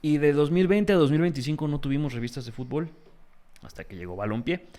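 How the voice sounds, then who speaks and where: A young man with a Mexican accent, a guest in a casual interview, telling stories in an animated, slangy way. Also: fairly high pitch, brisk. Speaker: guest, magazine founder.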